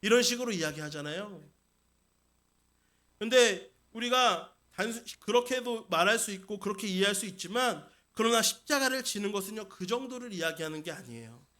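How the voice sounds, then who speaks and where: At a church service, the senior pastor's voice rings high, bright, and forceful as he preaches on Sunday. Key points come back again and again for emphasis, and he keeps posing questions to those gathered.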